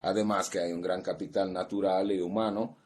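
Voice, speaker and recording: This Italian man, whose first language is Italian, presents at an academic conference via video call in a low, mellow voice with a level tone. Measured and reliant on notes, the seminar presenter pauses while hunting for words.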